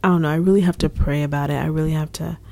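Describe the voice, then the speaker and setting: Soft-spoken earnest woman minister. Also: low voice, steady tone, racing, vocal fry. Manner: earnest, repetitive, soft-spoken with whispery stretches. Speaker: ministry leader. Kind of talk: casual devotional talk.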